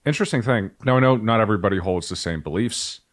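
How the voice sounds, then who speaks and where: A man's voice: fairly low pitch, fast. A man co-hosting a podcast, reading from his notes in a casual, jokey way and breaking off for asides. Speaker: podcast co-host.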